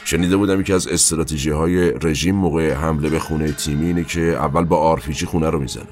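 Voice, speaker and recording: A man narrating his own past in a colloquial, halting way, with asides and trailing fillers, over faint background music. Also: rumbling low, steady tone, darkish tone. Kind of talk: first-person spoken recollection.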